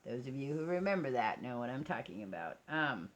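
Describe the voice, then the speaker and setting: Fairly quick and very animated, this woman has a rumbling low voice. She's an American crafter vlogging indoors at her craft table, rambling and poking fun at herself in casual chat, and the home recording picks up plenty of noise.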